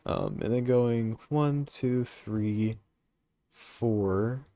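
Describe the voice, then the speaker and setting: A man's voice: mid-range voice, drawn-out words, mellow, no echo. A young man hosting a gaming livestream, thinking aloud with many ums and uhs, sleepy and yawning as he plans routes and answers chat. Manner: hesitant, thinking aloud with many fillers, reads chat questions. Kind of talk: casual live commentary while playing.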